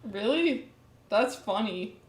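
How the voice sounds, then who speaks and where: A woman's voice: a little high, animated, slow pace. A woman with a nasal voice, joking and laughing in casual livestream chat. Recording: roomy, faint background noise.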